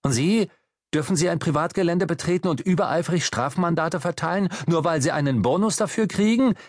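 A man's voice: on the high side, a little fast, darkish tone, dry recording, studio quality, pitched above the performer's own voice, lightly acted. A man reading an audiobook, voicing a desperate middle-aged man who pleads and then hurls insults in a raised voice. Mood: pleading.

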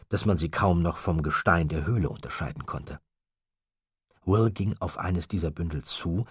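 Deep, husky male audiobook narrator. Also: no room sound, clean studio sound. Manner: steady, measured storytelling. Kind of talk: scripted narration.

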